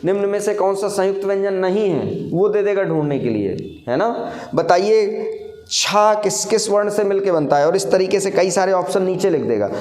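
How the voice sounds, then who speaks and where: A male teacher giving a classroom lecture, explaining step by step, asking questions and answering them himself, and sounding out syllables slowly. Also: high-pitched, darkish tone. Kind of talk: classroom lecture for exam students. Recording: echoey room.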